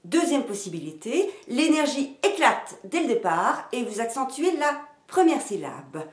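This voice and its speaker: A woman teaching phonetics in a slow, deliberate scripted narration, demonstrating intonation and stress with varied emphasis. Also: fairly high pitch, very animated. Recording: roomy echo.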